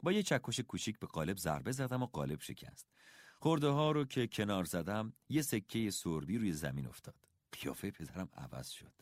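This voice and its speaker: A man reads a first-person story aloud as an audiobook narrator. His voice sits fairly low but moves a great deal in pitch as he tells it. The recording is dry, with no room sound. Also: very animated, no echo.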